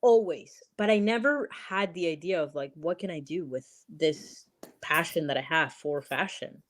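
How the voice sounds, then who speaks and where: Chatty young woman guest, low voice. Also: unhurried. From Peru. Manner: chatty, emphatic, says literally and like a lot. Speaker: podcast guest. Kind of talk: casual interview chat.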